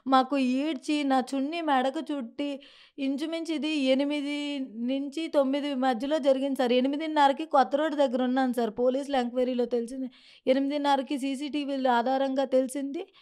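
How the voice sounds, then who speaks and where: A woman's voice: high-pitched, steady tone, a little fast, darkish tone. A young woman from Srikakulam with a Srikakulam Telugu accent, giving distressed, pleading testimony in an interview and keeps addressing the interviewer as sir. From Srikakulam, Andhra Pradesh. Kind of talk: emotional testimony.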